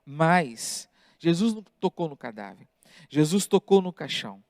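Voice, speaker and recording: A male pastor delivers a sermon at an unhurried, measured pace, leaning on emphatic pauses. The sound is dry and close, with little room echo. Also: on the high side, sing-song, creaky. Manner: deliberate preaching with emphatic pauses.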